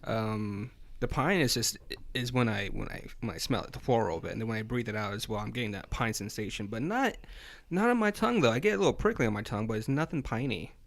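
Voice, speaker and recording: A man's voice: on the low side, fast, gravelly. A man on a beer podcast giving thoughtful tasting notes in casual chat.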